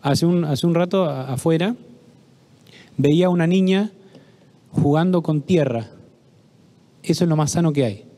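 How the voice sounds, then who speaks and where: A middle-aged psychologist with an Argentine Spanish accent gives a conference-style talk in a parish hall, moving at a moderate pace with long pauses. His voice is slightly high but dark and mellow as he tells anecdotes, acts out the dialogue of the people in them, and puts questions to the audience.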